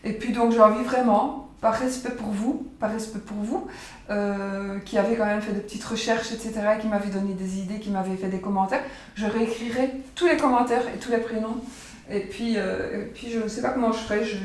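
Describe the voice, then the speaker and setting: A woman's voice: medium pitch, steady tone, fairly quick. Woman, casual vlog chat, rambling with fillers, home kitchen, roomy echo, distant mic. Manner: rambling, chatty, repeats herself and uses many fillers. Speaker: psychic vlogger presenting her oracle cards.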